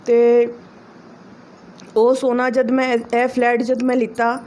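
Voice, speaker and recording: A woman's voice: on the high side, completely flat delivery, slow, a little mellow. Earnest woman telling her story. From Delhi. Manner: earnest, mixes in English words. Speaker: interviewee. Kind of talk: emotional personal account.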